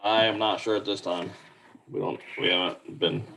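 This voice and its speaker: A man's voice: lowish voice, fairly even intonation, moderate pace, vocal fry, sharp tone, slight background noise, rough recording. A man reading out a formal staff report at a public meeting in a plain, procedural way.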